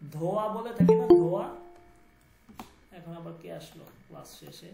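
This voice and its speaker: A man's voice: on the high side, lively intonation, brisk, gravelly, roomy sound, loud music behind the voice. A man teaching a language class, repeating each sound and asking students to confirm.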